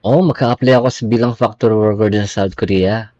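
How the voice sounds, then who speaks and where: A man's voice: on the low side, steady tone, fairly quick, warm tone, highs cut off, voice pushed down, close to an everyday voice. A man playing an adult male learner of Korean who answers hesitantly, sounding out syllables. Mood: proud.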